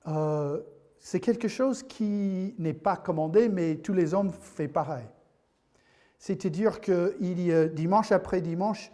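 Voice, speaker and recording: A man's voice: sits high, mellow. Jokey man preaching. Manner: jokey, halting, with many restarts. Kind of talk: sermon. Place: church.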